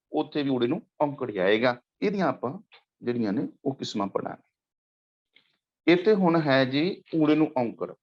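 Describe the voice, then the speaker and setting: A man with a Punjabi accent giving a patient lecture, repeating words and chanting verses slowly. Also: a little high, highs cut off. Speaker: teacher. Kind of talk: lecture on Gurbani grammar with slides.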